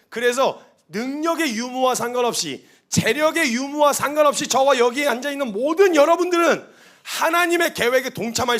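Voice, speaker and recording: Preaching to a seated church congregation, a male missionary tells the story with animated delivery, acting out the quoted dialogue. His pitch is extremely high.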